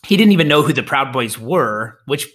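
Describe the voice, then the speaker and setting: A man's voice: medium pitch, animated, moderate pace, fairly bright tone. A man co-hosting a podcast, talking through politics casually and rambling with frequent restarts. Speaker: podcast co-host.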